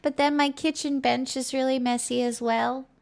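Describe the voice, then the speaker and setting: On a live stream, a young Australian woman rambles casually and frankly to her chat, mentioning that her voice feels strained. She speaks at a moderate pace with a high pitch, fairly even intonation, vocal fry and a darkish tone.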